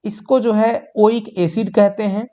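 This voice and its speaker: This teacher's voice sits high and sounds warm, with a measured pace and fairly even intonation. Preparing tenth graders for a science exam at the board, he addresses them as children and answers his own questions step by step.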